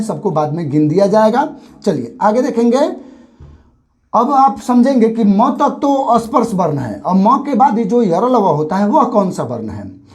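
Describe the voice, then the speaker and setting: A man's voice: sits high, darkish tone. A man teaching grammar for exams, repeating key points and drilling letter sounds one by one. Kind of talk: classroom-style exam lesson.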